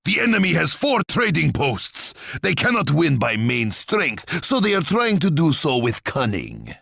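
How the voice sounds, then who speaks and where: A gleeful, menacing tsar for a video game. The voice is gravelly and husky. It swoops dramatically up and down, pompous and relishing its own threats. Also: male voice, on the high side, wildly swooping pitch, measured pace, fairly bright tone, no echo, studio quality, exaggerated voice. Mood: calculating. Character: boastful, menacing Russian tsar and warlord, imperious and gleeful. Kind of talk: video game character voice lines.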